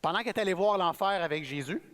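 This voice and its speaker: A man with a Québécois French accent, preaching as a guest speaker in a relaxed, friendly, conversational sermon. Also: sits high, fast talker. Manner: relaxed, friendly, self-effacing. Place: church sanctuary. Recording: reverberant church hall.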